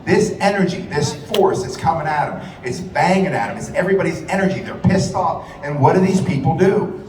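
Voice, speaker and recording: A man's voice: on the high side, lively intonation, brisk, a little mellow, a little hiss or hum. A man giving a fiery live speech, blunt and profane, telling heated stories. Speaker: rally speaker. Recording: echoey hall, distant mic.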